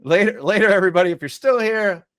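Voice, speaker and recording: A podcast host with a Long Island, New York accent talks playfully and animatedly with his guest in casual conversation. His voice sits high, a bit bright, and he speaks fast.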